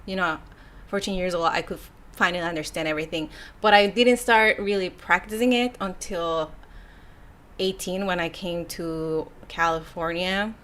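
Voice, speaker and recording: Reading out viewer comments during a relaxed live stream, this young YouTuber from Mexico speaks with a Mexican Spanish accent, Spanish being her first language. Her lowish voice sounds bright and clear with a steady tone at a moderate pace, and she rambles casually, laughing and sighing as she goes.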